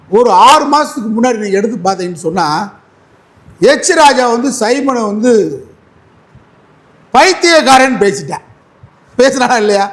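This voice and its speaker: A man's voice: very high-pitched, fairly bright tone. A man speaking as an advocate in a heated political interview, combative and mocking, repeating his points.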